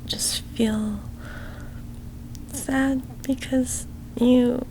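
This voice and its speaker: A woman doing an ASMR ASMR role-play as an affectionate, teasing childhood best friend, in a soft, soothing spa-like soft voice meant to relax. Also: high-pitched, fairly even intonation, extremely slow, noisy background, heavily acted. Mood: tender reassurance.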